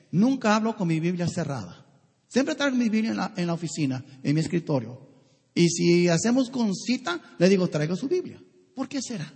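A man's voice: high-pitched, darkish tone, breathy edge. A pastor preaching a sermon, emphatic and full of rhetorical questions to his congregation, now and then dropping in an English word. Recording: long hall reverb.

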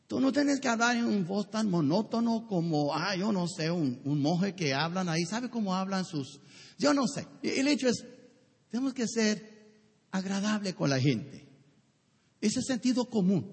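Man, pastor, lively joking sermon, animated, echoey hall. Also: sits high, breathy edge. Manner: lively, joking, direct to congregation.

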